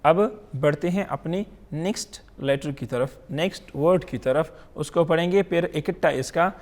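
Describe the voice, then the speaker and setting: With a slightly high, slightly mellow voice, a man guides an online Quran recitation lesson, elongating each letter sound and regularly checking in with short questions.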